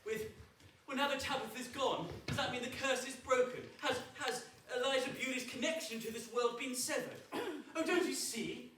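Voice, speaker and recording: A man playing a flustered, excitable, apologetic outsider in an amateur comic stage play. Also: extremely high pitch, moderate pace. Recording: echoey hall, distant mic, audience, loud noise.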